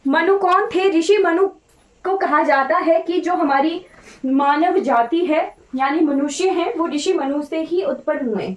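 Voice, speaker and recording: An Indian woman with a high, slightly off-sounding voice teaches an online exam-prep class at an unhurried pace. She mixes Hindi with English terms, repeats key points, and often checks comprehension with "right?", all captured with a roomy echo from a distant microphone.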